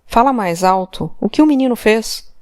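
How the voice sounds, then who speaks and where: A woman's voice: fairly high pitch, expressive, normal speed, darkish tone, no room sound, clean studio sound, natural voice. A woman voicing a stern, pressing police commissioner. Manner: insistent, interrogating, demanding. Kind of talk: audiobook character voice.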